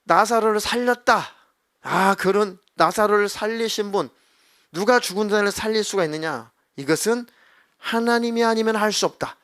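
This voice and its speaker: A man's voice: high voice, moderate pace, a bit bright, no room sound, studio quality. A male senior pastor preaching a sermon, emphatic and dramatic, acting out dialogue as he goes. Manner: emphatic, acts out quoted dialogue.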